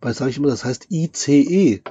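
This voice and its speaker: A man's voice: medium pitch, animated, fairly quick, mellow, breathy edge, no echo. A middle-aged man in casual chat with his partner, teasing her and rambling on with amusement. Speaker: vlog host, partner. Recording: dull muffled dry sound.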